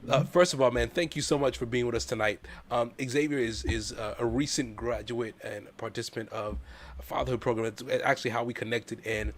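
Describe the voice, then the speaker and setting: Heartfelt host, halting speech. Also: male voice, medium pitch, fairly even intonation. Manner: heartfelt, halting with many repeats. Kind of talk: casual chat.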